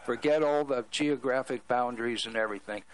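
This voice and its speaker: A man speaking as a talk show guest, earnestly expounding his beliefs in a deliberate way with pauses mid-sentence. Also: medium pitch, low-quality recording. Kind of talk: earnest religious exposition.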